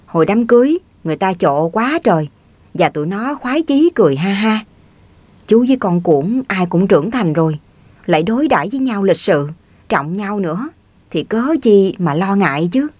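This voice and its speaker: A woman reading a story aloud as an audiobook narrator, in an even, plain way. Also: medium pitch, normal speed, no room sound.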